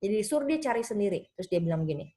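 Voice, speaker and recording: A woman pastor giving a conversational seminar talk, telling lively stories and jumping up in pitch whenever she quotes someone. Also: rapid-fire. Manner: lively storytelling that leaps high in pitch when quoting others; conversational, with frequent tag phrases. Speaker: pastor and speaker on children's faith.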